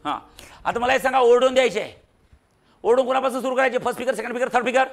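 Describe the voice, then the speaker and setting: A man's voice: extremely high pitch, racing. A man teaching a physics class in a classroom, quizzing and teasing his students with jokes. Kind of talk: classroom lecture.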